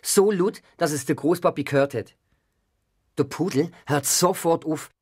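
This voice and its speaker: Storyteller, Swiss German accent, first-person children's story, husky, lively, close dry recording. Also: measured pace, dry recording. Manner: lively, with frequent jumps in pitch. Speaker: storyteller voicing a young boy. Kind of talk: children's audio-story narration.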